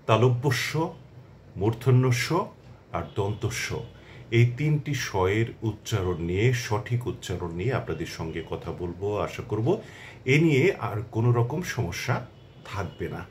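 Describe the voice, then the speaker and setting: A man teaching a pronunciation lesson, speaking slowly and carefully and stressing each example word. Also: lowish voice, a little mellow, slight background noise. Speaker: language teacher.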